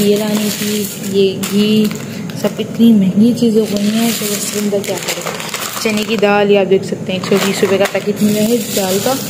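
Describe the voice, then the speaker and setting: A woman's voice: medium pitch, noisy background. A young woman from Karachi with a Pakistani Urdu accent, chatting casually to viewers as a family vlogger and showing her things one by one. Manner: chatty, addresses viewers directly, shows items one by one. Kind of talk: casual vlog narration.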